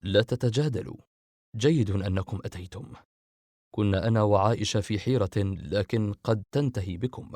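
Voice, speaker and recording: Eldest brother, calm and low, steady authority; man doing him, dry booth read. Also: a little fast, no room sound. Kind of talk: audiobook character reading.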